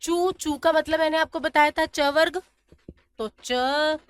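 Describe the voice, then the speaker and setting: A woman teaching a grammar lesson, slowly repeating syllables and asking questions that she answers herself. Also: high voice, no room sound. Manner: drills syllables slowly, asks and answers her own questions. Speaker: Sanskrit teacher.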